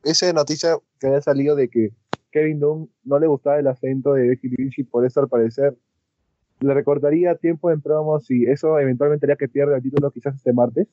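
Mellow man host asking questions. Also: mid-range voice, steady tone, fairly quick, no room sound, muffled recording.

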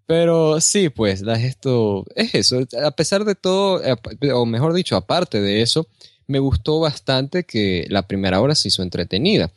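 A man's voice: mid-range voice, big pitch swings, normal speed, no echo, clean studio sound. A man co-hosting a casual podcast, chatty and joking, often speaking to the listeners. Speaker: podcast co-host. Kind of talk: casual wrestling podcast chat.

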